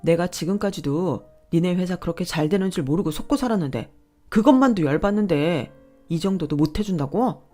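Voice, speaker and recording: A woman's voice: on the low side, animated, normal speed, darkish tone, faint music behind, close to an everyday voice. A woman voicing an entitled, scheming young husband who whines and makes demands. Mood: indignant. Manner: whiny, demanding, indignant.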